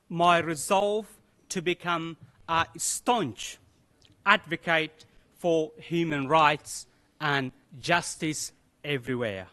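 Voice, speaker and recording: A young man from Afghanistan, delivering a formal prepared speech as a youth delegate in a slow, deliberate, solemn way. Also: sits high, sharp tone. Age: young adult.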